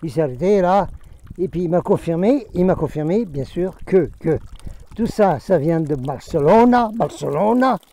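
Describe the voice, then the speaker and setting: A man's voice: sits high, lively intonation, normal speed, creaky, mellow. A middle-aged man vlogging outdoors at a mountain pass, ranting sarcastically and slipping into mock English. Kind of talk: rambling outdoor political vlog.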